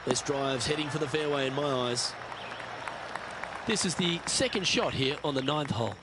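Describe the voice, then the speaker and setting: A man calling golf shots as a play-by-play commentator, admiring and measured. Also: a little high, a crowd in the background, background noise.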